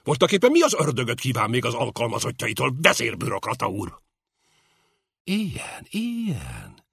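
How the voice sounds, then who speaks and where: A man narrating an audiobook in a lively, expressive reading. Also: medium pitch, vocal fry, husky, no echo.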